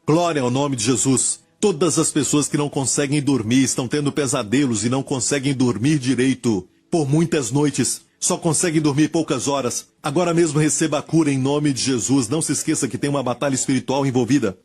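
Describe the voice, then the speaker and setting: A man's voice: medium pitch, brisk, few pauses, darkish tone, husky. A man preaching and leading prayer, fervent and repetitive, calling out healing commands. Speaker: pastor.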